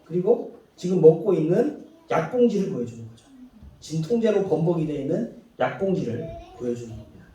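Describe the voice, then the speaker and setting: A man pastor delivering a sermon in a church, preaching with lively acted quotes and light laughs. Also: a little high, brisk. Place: church sanctuary. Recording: echoey hall, mic far off.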